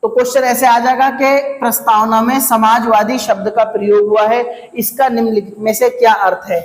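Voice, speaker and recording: A man's voice: extremely high pitch, steady tone. Male teacher in an echoey room. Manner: repeats key phrases slowly, drilling students. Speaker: exam coaching teacher. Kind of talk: exam prep lecture. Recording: echoey classroom, long reverb.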